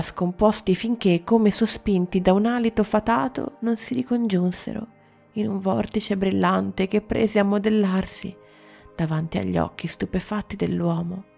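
A woman narrating a fairy tale in a calm, measured storybook reading. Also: medium pitch, vocal fry. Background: faint music.

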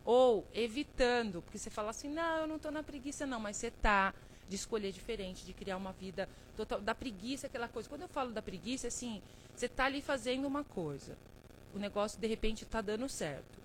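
A woman hosting a live stream as a self-help speaker, talking casually and warmly to viewers by name, coaxing and motivational, with frequent chuckles. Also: fairly high pitch, brisk, slight background noise, poor audio. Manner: affectionate, calls viewers by name and "love"; playful, chuckles often.

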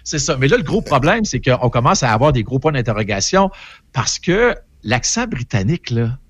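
A man's voice: mid-range voice, sing-song, normal speed, slightly rough, dry recording. A man with a Québécois French accent, giving an opinionated, rambling entertainment column in casual radio chat.

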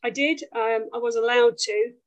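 A woman's voice: a little high, steady tone, normal speed, muffled recording. A woman with an Essex accent from England, chatting about her life as an interview guest. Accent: Essex English. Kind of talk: conversational life story.

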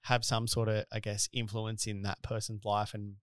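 A man's voice: on the low side, little pitch movement, normal speed, fairly bright tone, dry recording, studio quality. A man in his thirties with a broad Australian accent, hosting a casual interview in a rambling, colloquial, blokey way. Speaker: podcast host and business owner.

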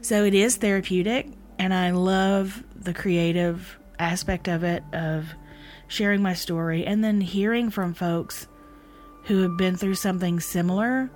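An American woman with a slightly low-pitched voice hosts a solo podcast in a casual, confiding style. She speaks candidly and reflectively, pausing as she finds her phrasing. Faint music can sit behind her voice. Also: fairly even intonation, darkish tone. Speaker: podcast host. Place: indoors in a room by a window.

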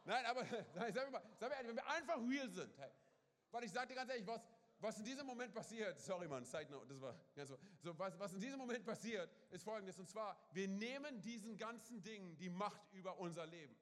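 A male pastor preaching a lively sermon at a church service, peppering his talk with quick asides to the congregation. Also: high-pitched. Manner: lively, punctuates with "hey", "come on" and "oder?"; acts out little quoted scenes. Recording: reverberant church hall.

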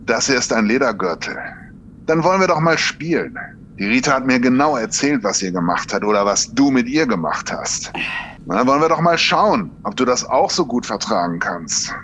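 Mann spielt einen eiskalt drohenden Kommissar. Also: male voice, medium pitch, big pitch swings, moderate pace, fairly bright tone, a little hiss or hum. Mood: menacing. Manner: plain, matter-of-fact, coldly threatening. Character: brutal, rule-breaking male police detective.

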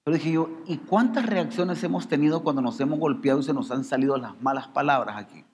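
A man's voice: a little high, brisk, darkish tone, long reverb tail, slight background noise. A middle-aged man, preaching a sermon with humorous stories and questions to the congregation.

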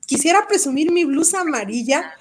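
A woman's voice: high-pitched, expressive, a little hiss or hum. A woman, a psychologist and author, giving an earnest, emphatic explanation as a radio guest. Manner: earnest, emphatic, measured lecturing.

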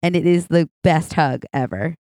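Chatty podcast host woman, low voice. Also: normal speed, darkish tone, no echo, clean studio sound. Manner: chatty, laughing, swears casually. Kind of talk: casual chat.

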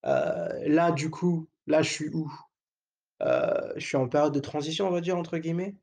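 Delivering a provocative solo episode of his own podcast, this young man riffs casually in crude slang, stumbling over lots of fillers and pauses. He has a fairly high, sing-song voice with a darkish tone and moderate pace.

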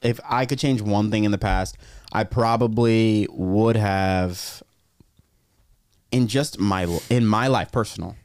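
A man's voice: fairly low pitch, measured pace, darkish tone, clear, resonant tone, no echo, clean studio sound. A man co-hosting a podcast, chatting casually in an easygoing, rambling way. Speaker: podcast co-host. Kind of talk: casual chat.

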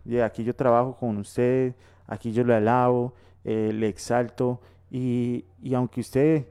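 A man's voice: medium pitch, level tone, measured pace, mellow, clear, resonant tone. A man co-hosting a radio Bible teaching, exhorting listeners with long runs of repeated phrases. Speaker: radio co-host. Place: radio studio.

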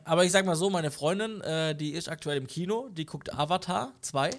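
A young man co-hosts a podcast from his living room, chatting casually in a fairly high, slightly quick voice. He has a cold that makes him sound nasal, and he hesitates a lot, full of fillers and restarts.

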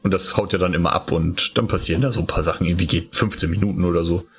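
A man's voice: low-pitched, fairly even intonation, very fast, a bit bright, breathy edge, faint music behind. A man co-hosting a casual podcast chat, telling long rambling stories and explaining the show's quiz with eager energy. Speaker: podcast co-host.

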